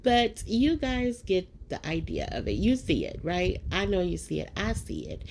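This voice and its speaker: With a lowish, gravelly and slightly mellow voice, a very animated woman talks at a moderate pace over a faint hiss or hum. She is a craft vlogger, nasal and stuffed up from allergies, chatting casually and self-deprecatingly about her project in voice-over, full of ums and likes, and calling viewers guys and y'all.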